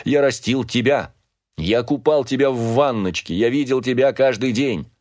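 A man's voice: lowish voice, lively intonation, moderate pace, no echo, studio quality. Man voicing an anguished pleading father. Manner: emotional, pleading, rising to anguished exclamations. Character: grief-stricken middle-aged father pleading with son. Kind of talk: audiobook character reading.

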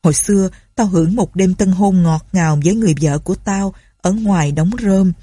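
A woman's voice: lowish voice, a little fast, warm tone, breathy edge, dry recording. A woman reading a storybook aloud voices a drunk, grief-stricken young man who rants bitterly about his dead wife. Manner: slurred drunken ranting.

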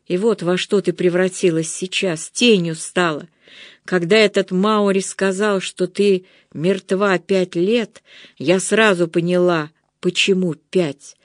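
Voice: mid-range voice, no echo, studio quality, natural voice. A reader voicing a distraught young woman full of guilt and envy, tearful and pleading in an audiobook. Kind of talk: audiobook reading.

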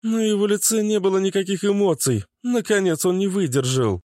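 Man reading an audiobook, fairly high voice, expressive, dry close sound. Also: no echo. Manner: brisk, expressive storytelling. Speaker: audiobook narrator.

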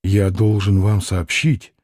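A man playing a shy, gentle young man. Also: sits low, flat delivery, takes it slowly, dry recording, clean studio sound, voice pushed down. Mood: quiet sad. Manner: quiet, sad, hesitant.

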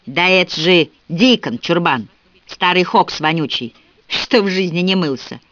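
A man voicing a wild, rough-spoken teenage country girl who shouts and taunts. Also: sits high, measured pace, dry recording. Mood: taunting. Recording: dull, dry lo-fi recording.

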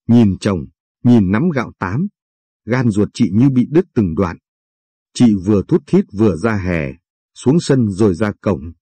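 Male late-night storyteller, low dark husky voice, calm measured read. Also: no room sound. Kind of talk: scripted story narration.

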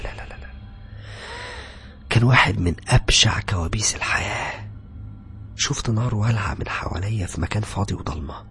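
A man with an Egyptian Arabic accent, dramatically narrating a horror story in a hushed, breathy voice that swells into loud cries. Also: sits low.

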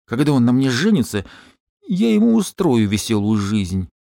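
A man's voice: mid-range voice, very animated, moderate pace, gravelly, mellow, dry recording, studio quality. A man reading aloud and voicing an anxious, emotional young woman who pleads and frets. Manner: pleading, tearful.

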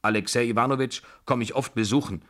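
A man's voice: mid-range voice, fairly even intonation, fast, voice pushed up, close to an everyday voice. A man voicing a bossy old grandmother. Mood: commanding. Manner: bossy, scolding, loud and commanding. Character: imperious 75-year-old woman, grandmother, domineering. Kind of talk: radio drama reading.

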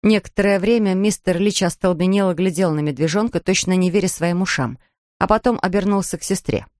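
A woman's voice: fairly low pitch, brisk, dry recording, clean studio sound. Woman reading a storybook. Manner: lively expressive reading. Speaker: narrator.

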